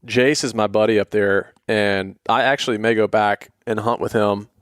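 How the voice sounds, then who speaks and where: Low-voiced joking man, dry sound. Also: moderate pace, smooth, dry recording. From Atlanta, USA. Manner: joking, animated banter. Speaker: podcast co-host. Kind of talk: casual chat.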